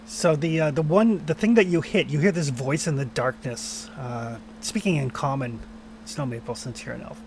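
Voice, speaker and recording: A man's voice: a little high, moderate pace. Male game master over noticeable background noise. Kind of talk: narrating and refereeing a tabletop game.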